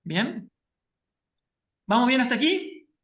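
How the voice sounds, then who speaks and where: A woman's voice: on the high side, very animated, slow. A woman teaching an online class. She explains carefully and keeps checking that her students follow. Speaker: workshop teacher. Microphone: video call. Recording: lo-fi video call audio.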